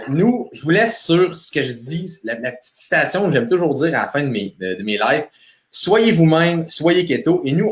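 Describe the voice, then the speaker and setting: A man's voice: a little high, reverberant. A man with a Québécois accent hosting a live stream interview, casual and full of fillers. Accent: Québécois French. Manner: casual, many fillers and restarts. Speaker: host.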